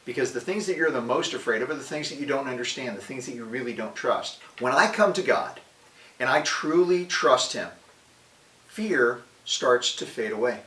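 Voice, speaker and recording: A man hosting a podcast, giving a casual devotional talk in an energetic, conversational preaching manner. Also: medium pitch, normal speed, distant mic. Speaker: podcast host. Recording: roomy, away from the mic.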